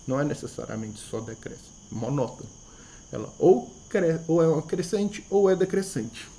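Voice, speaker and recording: Creaky and dark-toned, this slightly high male voice moves at a moderate pace through an explanatory math video. He speaks with a Brazilian Portuguese accent, thinking aloud, repeating key words, and posing rhetorical questions to himself.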